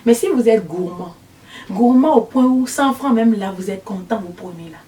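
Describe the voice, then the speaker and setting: A woman preaching a testimony sermon as a visionary, telling her story in an emphatic, animated way. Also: medium pitch, moderate pace. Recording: roomy, mic far away.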